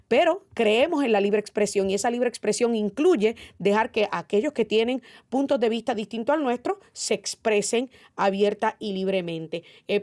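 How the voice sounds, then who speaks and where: A woman's voice: a little high, darkish tone. A woman hosting a call-in political talk radio show, speaking in an opinionated, emphatic way with frequent "eh" fillers.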